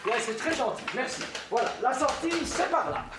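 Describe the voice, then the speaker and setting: An actor on stage playing a flustered, evasive husband who is hurried and keeps brushing people off. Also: male voice, extremely high pitch, lively intonation. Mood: impatient. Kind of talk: stage comedy acting. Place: theatre stage. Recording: echoey theatre hall from a distance, faint noise.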